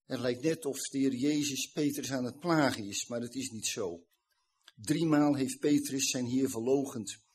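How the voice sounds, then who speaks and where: A preacher with a slightly husky, breathy voice at moderate male pitch retells a scripture scene during a sermon. He sounds earnest and explanatory, unhurried and a little mellow.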